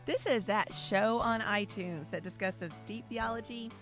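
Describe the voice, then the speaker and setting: A woman's voice: medium pitch, a little slow, a bit bright, faint music behind. A woman co-hosting a faith podcast, chatting casually, laughing often and teasing her co-host. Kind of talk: casual chat.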